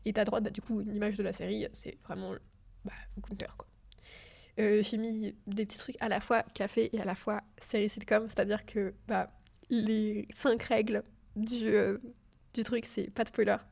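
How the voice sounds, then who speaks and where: A young woman chats through her student web project in a casual, filler-heavy way. She sounds a little nervous as she talks straight to the viewer. Her pitch stays fairly level and even throughout. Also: moderate pace, gravelly. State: a bit nervous. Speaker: digital school student. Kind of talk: casual screen-share walkthrough.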